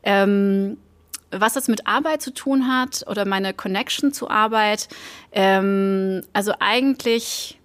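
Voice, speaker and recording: A woman in her thirties from Belgium, a guest in an interview, who talks with many fillers and pauses. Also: medium pitch, a bit bright. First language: not German. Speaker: marketing manager guest. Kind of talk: casual interview chat.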